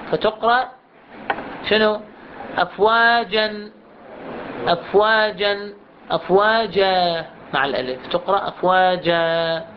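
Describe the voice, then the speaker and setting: A recitation teacher leads a classroom lesson, putting questions to the students and drawing example words out slowly so each sound can be heard. The voice sits at an ordinary middle pitch. The recording is dull and lo-fi, with steady background noise running underneath. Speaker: teacher of Quran recitation rules.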